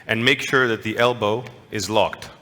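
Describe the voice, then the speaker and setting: In a large lecture hall, a male conference lecturer gives a playful, interactive talk, frequently putting questions to the audience. His voice sits on the low side and is bright and forceful at a normal speed, with long hall reverb.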